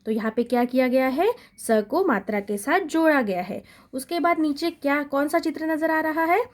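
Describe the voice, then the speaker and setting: A woman teaching young children a Hindi lesson, reciting syllables and words slowly and checking in with them often. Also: high-pitched, expressive. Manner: repetitive, checks in with "है ना?" and "ठीक है?". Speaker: primary school Hindi teacher. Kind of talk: slow classroom recitation.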